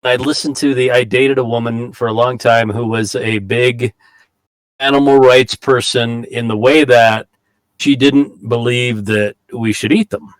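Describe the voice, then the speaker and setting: A man's voice: mid-range voice, steady tone, unhurried, no room sound, rough recording. A man from the United States, speaking in a casual round-table discussion. He tells reflective stories and often restarts his sentences.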